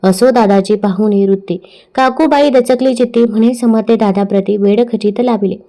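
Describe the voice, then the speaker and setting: Mellow woman reciting devotional verse. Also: mid-range voice, normal speed. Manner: steady recited verse cadence. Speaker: scripture reader.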